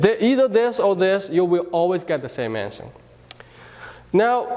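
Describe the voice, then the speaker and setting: Male physics lecturer with a slightly raised pitch, talking through problems with restarts and check-ins, recorded in an echoing lecture hall. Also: darkish tone. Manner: explains step by step, checks in with "right?"; frequent restarts and fillers. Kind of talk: classroom lecture.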